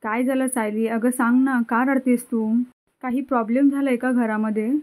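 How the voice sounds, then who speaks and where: A scheming young man who fakes care, read by a woman narrator. The lines come in a steady, read-out manner. The voice stays fairly high and dark-toned, close to the narrator's own. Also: moderate pace, lightly acted, poor audio. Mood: urgent.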